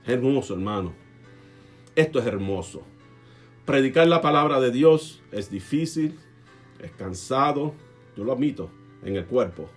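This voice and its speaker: A man preaching a sermon emphatically, swinging between loud and soft and asking the congregation questions. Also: medium pitch, lively intonation, unhurried, long pauses, faint music behind. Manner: asks the congregation rhetorical questions.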